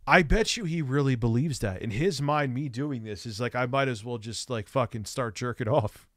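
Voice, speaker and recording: A man talks over clips in a live stream, swearing freely and laughing as he mocks what he sees. His voice sits at an ordinary pitch and sounds close and dry, with almost no room sound. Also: moderate pace, dry recording. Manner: profane, mocking, laughs often. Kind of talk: casual reaction commentary.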